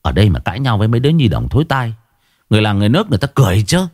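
A man's voice: on the low side, huge pitch swings, racing, darkish tone, dry recording, clean studio sound. A man voicing a cunning, sweet-talking young trickster. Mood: coaxing. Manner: coaxing, smooth-talking.

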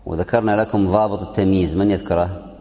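A man's voice: low-pitched, steady tone, quick pace, dark tone, big-room sound. A man teaching a religious text to a class, repeating key phrases and quizzing his students. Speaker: sheikh teaching a fiqh text. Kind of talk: classroom lesson explaining a text.

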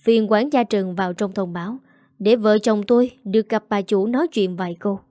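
A woman's voice: mid-range voice, brisk, warm tone, no room sound, studio quality, close to an everyday voice. A woman voicing an angry middle-aged father who protests while holding back his temper, in a spoken story. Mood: indignant. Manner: forcing down anger, protesting.

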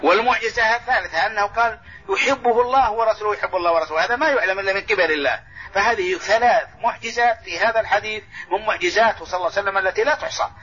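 Quick, bright-voiced sheikh teaching a lesson. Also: male voice, high-pitched, husky. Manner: corrects and restates points, repeating phrases. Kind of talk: explanatory lesson commentary. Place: large mosque lesson hall. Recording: dull lo-fi old tape recording.

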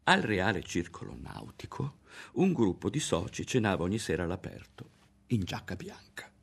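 A man narrating a literary novel aloud in a measured, grave manner. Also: deep voice, big pitch swings, gravelly, fairly bright tone, slightly rough. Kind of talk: literary audiobook reading.

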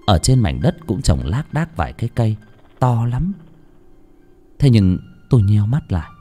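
Casting: male audiobook narrator, very lively pitch, tense first-person horror telling, faint music underneath. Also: normal speed. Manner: dramatic, tense storytelling. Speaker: storyteller.

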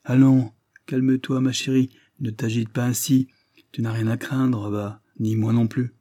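A man's voice: mid-range voice, little pitch movement, unhurried, mellow, no echo, studio quality, lightly acted. A man reading an audiobook, voicing an evasive young husband who protests and reassures with forced cheer. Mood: agitated reassuring.

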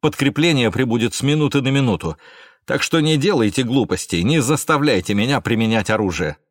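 A man's voice: medium pitch, animated, brisk, dry recording, clean studio sound, natural voice. A male reader voicing a firm male police officer who gives clipped orders to a suspect. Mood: warning.

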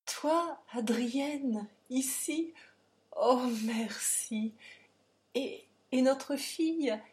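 A woman's voice: mid-range voice, takes it slowly, close to an everyday voice. A woman voicing a desperate, anguished man who pleads and rails in a dramatic audiobook reading. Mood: urgent. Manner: pleading, urgent, breaking into shouts.

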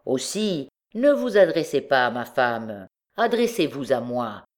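A sly, menacing male convict, as a woman reader puts him on for a storybook reading. He threatens his victim with mocking, falsely courteous words and a low, steady voice. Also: a little slow, heavily acted.

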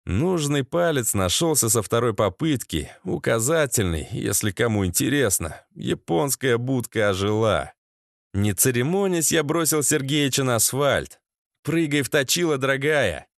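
A man's voice: mid-range voice, animated, unhurried, creaky, no room sound, studio quality. A man narrating a first-person audiobook in a sardonic, crude, slangy manner.

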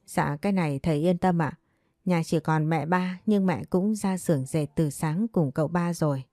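A woman narrator gives voice to a clever young lady of a wealthy house, polite and deferential. Her tone is low and mellow, recorded dry and close. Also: normal speed, no echo, soft background music, natural voice. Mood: anxious, polite. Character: young wealthy wife, worried but clever.

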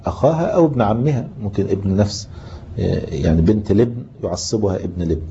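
Talking fast in a lowish, dark voice, the Egyptian-accented teacher leads a lesson on Islamic inheritance law, patiently explaining, reading from the book, and quizzing students. The recording is a muffled lo-fi tape with faint hiss.

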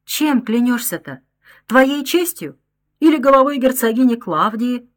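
Lady reading a nasty convict husband, taunting and loud, storybook villain. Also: fairly high pitch, lively intonation, measured pace, voice pushed up. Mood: mocking. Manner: mocking, then roaring with rage. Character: menacing middle-aged male escaped convict, sneering.

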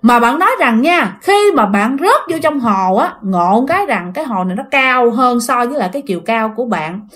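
A woman narrating a ghost story in a spoken recording. She talks straight to her listeners, her high voice swinging widely up and down. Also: brisk, hardly any pauses. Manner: animated, addresses listeners directly.

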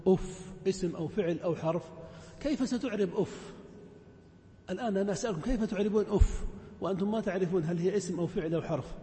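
A man leads a grammar lesson in a large mosque, going step by step through examples and putting questions to his students. His voice sits a little high with a mellow, soft edge. The sound rings out with long reverb across the hall. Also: quick pace. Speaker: grammar teacher.

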